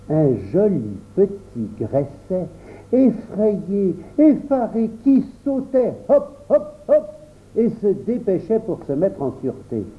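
Man, storybook narration, lively intonation, unhurried pace, tinny phone-like audio. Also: on the high side. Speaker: storybook reader.

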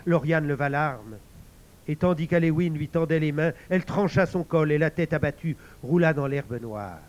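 A man narrating a fairy tale in a slow, measured way. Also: fairly high pitch, a little mellow. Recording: slightly muffled recording.

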